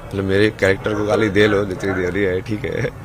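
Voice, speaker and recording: Impassioned man amid a loud crowd. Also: deep voice, level tone, a little fast. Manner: rambling, impassioned, rhetorical questions. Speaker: interviewee, wandering ascetic. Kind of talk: outdoor interview answers. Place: outdoors at a busy festival ground. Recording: outdoor recording with loud crowd.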